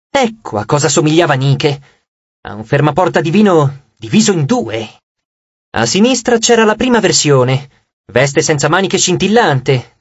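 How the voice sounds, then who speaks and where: A man narrating an audiobook chapter with expressive storytelling. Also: high-pitched, no room sound, lo-fi sound. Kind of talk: scripted narration.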